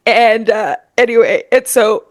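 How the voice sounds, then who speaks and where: A woman co-hosting a podcast in casual, animated chat, using a lot of filler words. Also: a little high, unhurried. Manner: animated, chatty, heavy use of filler words. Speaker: podcast co-host.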